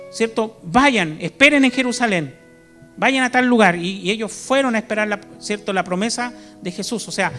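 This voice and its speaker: High-voiced Chilean pastor preaching. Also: male voice. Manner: animated preaching, constantly asks "¿cierto?" to the congregation; bursts into loud shouts when quoting. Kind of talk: sermon. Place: church service.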